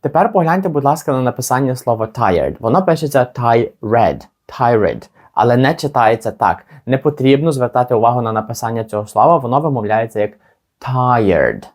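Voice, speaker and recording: Male teacher, animated delivery, slow model phrases. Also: medium pitch. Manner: slow, drawn-out model phrases between quick explanations. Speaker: English teacher. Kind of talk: language lesson.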